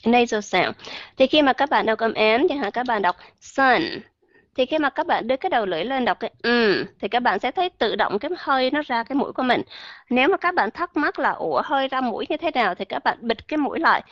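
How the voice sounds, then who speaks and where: Woman, pronunciation teacher, online class. Patient explainer, models words slowly. Slightly high voice, dull lo-fi audio. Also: animated, fairly bright tone, no echo.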